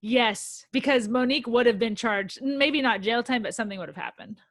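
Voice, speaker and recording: A young woman co-hosting a podcast, chatting excitedly about reality TV with lots of "like" and "um". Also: fairly high pitch, normal speed, dry recording. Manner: chatty, excitable, says "like" and "um" often. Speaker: podcast co-host. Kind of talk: casual chat about reality TV.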